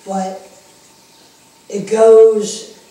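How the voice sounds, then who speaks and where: A man's voice: high voice, little pitch movement, very slow, dark tone. A man who works as a pro wrestling manager, chatting casually and talkatively in an interview, repeating himself for emphasis. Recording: echoey room, far from the mic.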